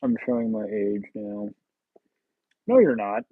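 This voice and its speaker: A man's voice: fairly low pitch, sing-song, measured pace, slightly rough, no room sound. Guy in his 30s rambling and cracking jokes on a live stream, tinny phone-ish sound, super dry. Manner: jokey, rambling, self-teasing. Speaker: livestream host. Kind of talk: casual livestream chat with viewers.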